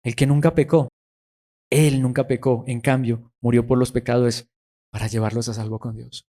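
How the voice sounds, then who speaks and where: A man's voice: medium pitch, flat delivery, normal speed, dark tone. A man preaching a sermon emphatically, asking his listeners rhetorical questions and repeating words for stress.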